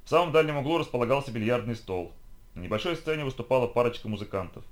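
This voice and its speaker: Fast-reading male audiobook narrator. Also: medium pitch, lively intonation. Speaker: audiobook reader.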